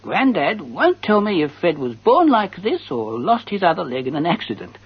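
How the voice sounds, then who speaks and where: An earnest man hosts a comic radio advice segment. His husky voice swings widely in pitch as he speculates darkly with mock seriousness. The sound is a little dull, like radio. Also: sing-song, heavily acted. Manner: mock-serious, conversational, deliberate. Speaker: advice show host reading listeners' letters. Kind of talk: comic radio monologue, reading and answering letters. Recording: slightly dull radio recording.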